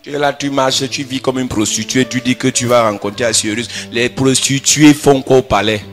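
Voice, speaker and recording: A man preaching a forceful sermon as pastor in a church hall, pausing line by line for his interpreter. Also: medium pitch, steady tone, soft background music. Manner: forceful preaching, short declarative lines, pauses for interpreter.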